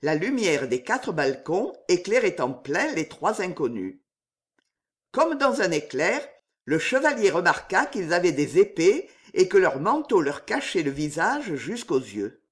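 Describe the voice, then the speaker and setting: A reader narrating an audiobook in a slow, expressive storytelling manner. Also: mid-range voice.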